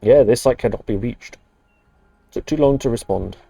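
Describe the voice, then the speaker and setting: A man's voice: mid-range voice, moderate pace, creaky, dark tone, no room sound, soft background music. A British man from the UK chatting casually while live-streaming a game, rambling with dry, muttered asides. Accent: British English. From United Kingdom.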